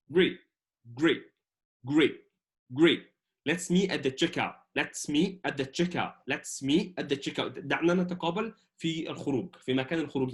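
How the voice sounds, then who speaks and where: A man with an Egyptian Arabic accent teaching an English lesson, repeating words slowly and pausing often. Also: fairly high pitch. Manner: slow drilled repetition of English words; many hesitations and restarts.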